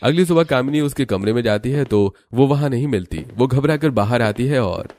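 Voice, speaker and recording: A man narrating a cartoon story in an even, matter-of-fact way. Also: mid-range voice, brisk.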